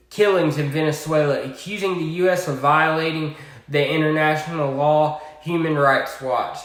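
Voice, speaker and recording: A man with a Southern US accent giving a political commentary monologue, deliberate, with sarcastic asides. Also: on the high side, a bit bright, echoey room.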